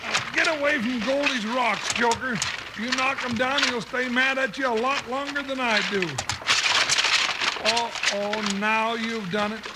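An actor playing a comic, excitable, good-natured cowboy sidekick with a folksy, whiny American voice in old western drama style. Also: male voice, very high-pitched, measured pace. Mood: excited, flustered. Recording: noisy vintage soundtrack with clicks.

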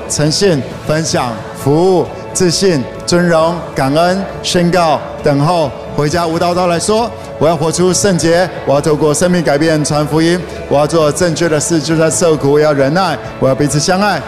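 A middle-aged man preaching to a congregation, telling stories with humor and asking for call-and-response. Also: a little high. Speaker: pastor. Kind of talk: sermon with humorous storytelling. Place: church hall. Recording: echoey hall with faint noise.

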